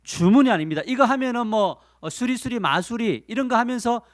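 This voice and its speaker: A man's voice: extremely high pitch, expressive, fairly quick, no room sound, clean studio sound. A man preaching a sermon to teenagers at church, telling a story and acting out the quoted voices, with call-and-repeat lines. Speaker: pastor.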